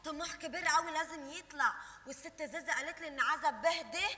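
An actress playing a naive, ambitious young housemaid, speaking bluntly and mangling foreign words in a stage comedy. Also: female voice, sits high, fast, bright, forceful tone. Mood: defiant. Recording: reverberant theater stage.

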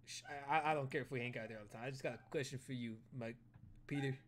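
A man playing a tabletop game, eager and quick, often tripping over his own restarts. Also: mid-range voice. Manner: rapid, eager, stumbling restarts. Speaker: player.

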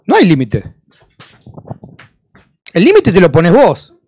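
A man's voice: sits high, takes it slowly, slightly rough. A man in his thirties with a Rioplatense Argentine accent, a guest in a heated casual interview, ranting in a streetwise way with lots of swearing. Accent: Rioplatense Spanish. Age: 30s. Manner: animated, swearing, streetwise rant with acted quotes. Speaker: interview guest, freestyle rapper.

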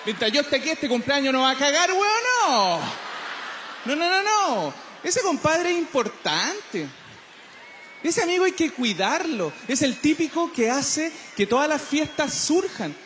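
A Chilean man doing stand-up on an outdoor festival stage, his voice pitched very high. He talks in slangy, mocking bursts and drops into silly impressions. Faint noise sits under the live sound. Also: sing-song, measured pace, a bit bright. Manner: slangy, mocking, jumps into mimicry and scat singing. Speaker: stand-up comedian.

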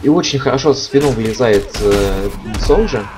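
A man's voice: medium pitch, lively intonation, moderate pace. A man giving live commentary on a fighting game stream, as a stream commentator. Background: game music and sound.

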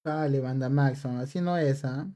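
A man's voice: mid-range voice, moderate pace, dark tone. A young man streams a game, reading chat aloud and teasing viewers. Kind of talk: live stream chat while gaming.

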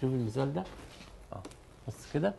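A man's voice: mid-range voice, expressive, quick pace, vocal fry, dark tone, a little hiss or hum. A man with an Egyptian Arabic accent teaching chemistry, who explains step by step and asks and answers his own questions. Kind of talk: classroom lesson.

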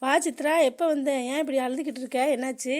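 A woman's voice: sits high, fairly even intonation, fast. A woman voicing an exasperated, dismissive sister-in-law in a cartoon comedy.

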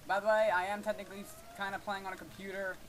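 A young man giving casual let's-play commentary, excitable and swearing, yelling at his game. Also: sits high, rapid-fire, rough recording. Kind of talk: gaming commentary.

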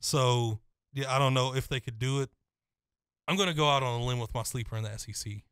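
A young man co-hosting a casual sports talk show, giving a confident, detailed breakdown in a steady flow. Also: medium pitch, fairly quick, smooth, no room sound, clean studio sound. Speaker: co-host.

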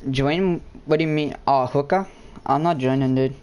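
A man's voice: a little high, normal speed, darkish tone, clear, resonant tone. A young man chatting casually on a gaming live stream in a slangy, laid-back, matey, sweary way.

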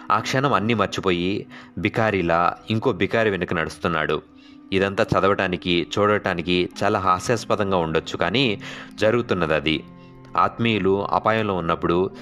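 A man narrating a horror story in a measured, steady way. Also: low-pitched. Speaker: audiobook narrator.

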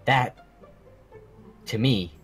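In an improvised Minecraft fantasy roleplay with music behind him, a man voices a stern, protective dragon guardian who solemnly and formally instructs young fighters. His medium-pitched voice has a fairly bright tone and moves very slowly.

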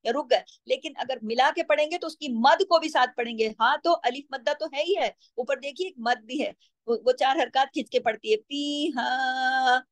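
A woman teaching Quran recitation rules, explaining patiently and slowing down to demonstrate each word in a drawn-out chant. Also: high voice, no room sound.

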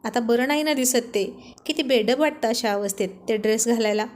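A woman voicing a sweet, sharp-tongued young pregnant wife in a storybook, bantering and mock-scolding in a high voice. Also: brisk, lightly acted.

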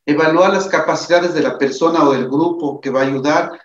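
A man's voice: fairly high pitch, steady tone, a little fast. Tired-voiced man teaching, echoey room. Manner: earnest, repeats himself, asks "¿de acuerdo?". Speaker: psychologist giving a lesson. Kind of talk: recorded lecture over slides. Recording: echoey room, dull lo-fi sound.

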